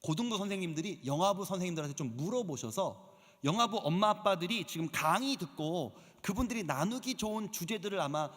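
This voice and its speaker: Young male pastor, fairly high voice, earnest teaching and prayer, echoing hall. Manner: earnest, pleading, rises with emphasis in prayer. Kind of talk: teaching talk and closing prayer. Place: church hall. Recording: reverberant hall with faint music.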